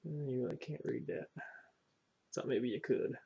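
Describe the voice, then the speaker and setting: A hobbyist radio restorer presents a repair video, musing aloud in a folksy, casual, unscripted walkthrough as he handles parts. His medium-pitched voice is unhurried with vocal fry. The audio is dull and the background noisy.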